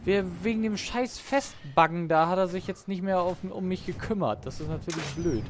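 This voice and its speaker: A man's voice: high-pitched, moderate pace. A man giving gameplay commentary, exasperated, swearing at the game and calling to the creatures on screen. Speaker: let's play gamer. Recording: game music loud behind voice. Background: game music.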